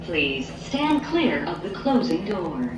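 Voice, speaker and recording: A woman's recorded elevator announcer voice, built from spliced-together words and played through the cab's speaker in clipped, flat phrases. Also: on the low side, slow. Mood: announcing. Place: inside an elevator cab in a store. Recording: echoey, distant, noisy elevator cab.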